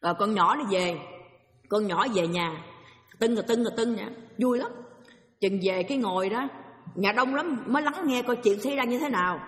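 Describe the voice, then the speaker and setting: A woman giving an animated dharma talk as a Buddhist teacher, telling stories and asking her listeners questions. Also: on the high side, moderate pace. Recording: echoey hall.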